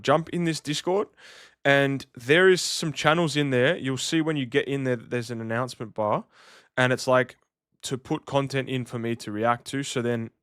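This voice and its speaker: A man's voice: mid-range voice, a bit bright, no room sound, studio quality. A man, chatting casually to livestream viewers in a slangy, matey way. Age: 30s. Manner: laid-back slangy, matey address. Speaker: livestream host.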